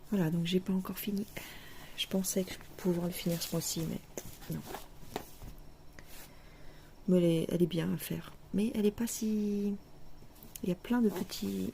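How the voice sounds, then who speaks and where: Woman vlogger, casual self-mocking chat, creaky gravelly voice, drifts to near whispers, faint noise behind. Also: medium pitch, steady tone, normal speed, long pauses, mellow. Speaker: cross-stitch vlogger. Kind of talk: casual chat showing her stitching.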